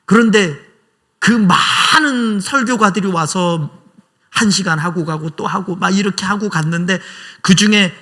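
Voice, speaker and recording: A man's voice: high-pitched, a little slow, bright, forceful tone. A male pastor preaching a conversational, emotional sermon in a small church, acting out prayers aloud.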